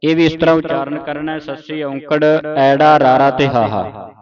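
A man teaching the pronunciation of scripture in a recitation lesson, chanting each verse line slowly, spelling words out and adding quick spoken explanations. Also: fairly high pitch, fairly even intonation, highs cut off. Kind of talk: slow, patient recitation lesson, repeating words and spelling them out.

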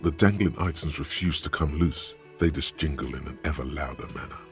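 Super deep gravelly game narrator, dry and deadpan, music under it. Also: male voice, a little fast. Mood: wry. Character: gravelly omniscient male narrator, wry and grim. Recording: game audio over background music.

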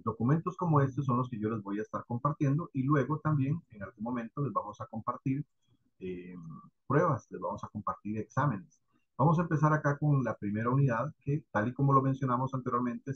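A man's voice: mid-range voice, moderate pace, slightly rough, lo-fi sound. A man with a Costa Rican accent teaching an online class, explaining patiently and checking in with students often. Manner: explanatory, addresses students directly with frequent "¿verdad?" and "¿ok?".

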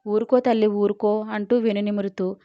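A woman voicing a calm, composed father who soothes his daughter in an audio story. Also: medium pitch, normal speed, dry recording, muffled recording, lightly acted.

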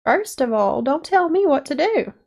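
A woman's voice: high voice, sing-song, normal speed, gravelly, darkish tone. A young adult woman giving casual, blunt and sardonic film reaction commentary as a video host. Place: small dark decorated room indoors.

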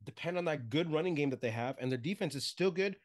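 Male podcast co-host, somewhat high voice, blunt and direct, runs the question segment. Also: animated, quick pace. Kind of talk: casual sports chat.

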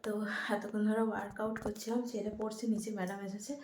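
A woman narrates her day at home in a hushed, worn-out voice with a gravelly rasp. Her voice rings in an echoey room, and dishes and pans clatter around her. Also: medium pitch, little pitch movement, quick pace. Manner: speaks softly and quietly after a workout. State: tired after exercise. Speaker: vlogger. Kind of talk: casual daily vlog narration. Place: home kitchen. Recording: echoey room with loud household noise.

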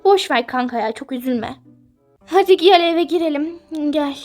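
A woman's voice: high-pitched, animated, normal speed, soft background music. A woman voicing a sympathetic teenage best friend in a toy-game role-play, soothing and reassuring.

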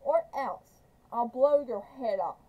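A woman's voice: on the high side, lively intonation, slow pace, highs cut off. A woman reading the lines of a menacing, desperate man with a rifle, in a barking, threatening way. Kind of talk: amateur audiobook reading.

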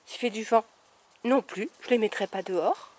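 In this casual vlog, a woman who breeds dogs talks to the camera outside near a kennel, cooing fondly at her pups. She speaks at a normal pace in a medium-pitched, somewhat dark voice.

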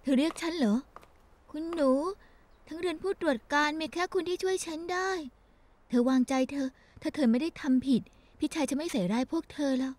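A woman dubbing young women of a household in a TV drama, speaking in a soft, earnest, pleading way. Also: sits high, brisk, close to an everyday voice. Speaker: Thai dub voice actress. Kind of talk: dubbed TV drama dialogue.

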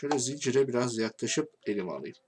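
A man with a Turkish accent giving casual game commentary, talking to himself and swinging from quiet muttering to angry shouting. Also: medium pitch, lively intonation, quick pace, slight background noise. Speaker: gaming YouTuber.

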